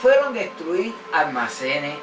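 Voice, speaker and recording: A woman's voice: deep voice, big pitch swings, slow pace. A woman teaching a Bible lesson on internet radio, emphatic and often asking her listeners questions. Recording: roomy echo from a distant mic, faint music.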